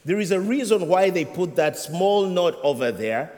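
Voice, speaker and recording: A middle-aged Ugandan-accented man preaches to his congregation, humorous and conversational. His voice sits a little high. The sound carries a long hall reverb from the church. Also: expressive, moderate pace, darkish tone. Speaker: associate rector. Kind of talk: sermon. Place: church sanctuary.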